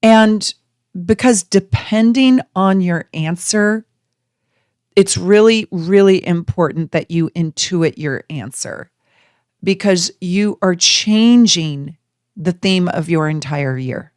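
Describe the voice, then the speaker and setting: Slow-talking woman astrologer, dry sound. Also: lowish voice, darkish tone, clean tone, no room sound. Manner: conversational, drawn-out emphatic words, rhetorical questions. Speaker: astrologer and channel host. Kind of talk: astrology teaching to camera.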